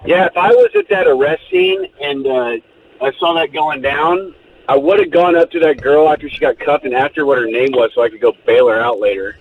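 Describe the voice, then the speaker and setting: A man's voice: mid-range voice, sing-song, a little fast. Male caller on muffled, noisy phone. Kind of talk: casual chat.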